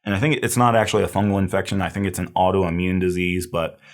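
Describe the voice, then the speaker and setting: A man lecturing on herbal medicine in a recorded review, explaining patiently and repeating key terms slowly. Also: low voice.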